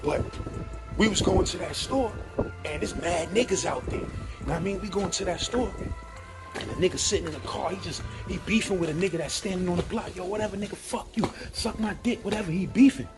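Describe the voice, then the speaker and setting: A man with a New York accent telling a casual, profane, animated story, often asking if you follow him. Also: high-pitched, brisk, music in the background. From Brownsville, Brooklyn, New York. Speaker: guest telling prison stories.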